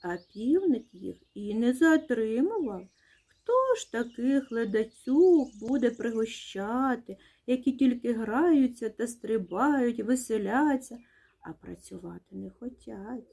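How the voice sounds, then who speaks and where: A woman's voice: on the high side, animated, takes it slowly, vocal fry, dark tone, breathy edge. A woman telling a fairy tale to small children in a tender, sing-song way, full of diminutives. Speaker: children's storyteller.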